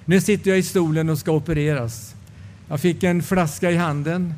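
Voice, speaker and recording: A man's voice: on the high side, steady tone, darkish tone, slight background noise. A male preacher giving a sermon testimony, telling the story and acting out the dialogue.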